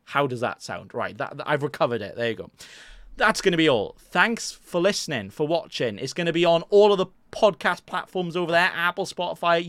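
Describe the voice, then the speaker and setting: A young man with a fairly bright voice on the high side hosts his own podcast, rambling casually, joking at his own expense, and restarting his sentences often. He speaks into a desk mic in front of a green screen, and the recording is dry.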